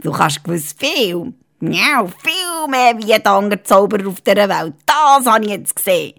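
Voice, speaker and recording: Brief: a woman playing a crafty storybook tomcat, Swiss German accent, meowing through every line, lively sing-song pitch. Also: normal speed, vocal fry. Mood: coaxing. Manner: meowing between phrases, flattering. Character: sly male talking cat in boots.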